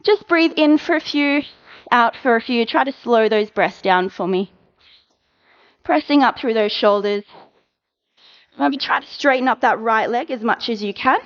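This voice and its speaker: A woman fitness instructor cueing a workout, coaching with brisk encouragement and counting down the reps. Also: on the high side, highs cut off.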